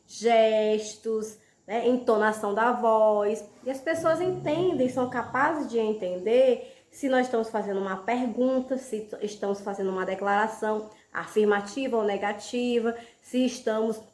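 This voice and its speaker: A woman teacher giving a lesson, often pausing to ask rhetorical questions and check that her students follow. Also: a little high, echoey room. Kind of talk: classroom lesson.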